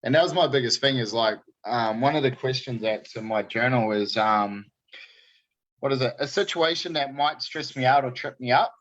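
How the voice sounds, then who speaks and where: A man's voice: medium pitch, moderate pace, a bit bright, highs cut off. A man, coaching a group in casual, laid-back chat full of matey slang. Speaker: fitness coach hosting a group check-in.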